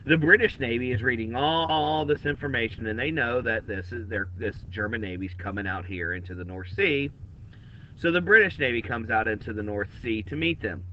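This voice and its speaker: A man's voice: medium pitch, a little fast. A man lecturing to his class, casual and direct, as if talking to the students in the room. The recording is a little muffled and lo-fi. A faint hiss sits under his voice. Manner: conversational, addresses students directly. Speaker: history teacher.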